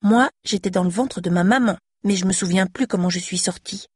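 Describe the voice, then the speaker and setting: A woman voicing an eager, chatty five-year-old girl in a high childlike voice. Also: fairly quick, darkish tone, husky, dry recording, clean studio sound, lightly acted.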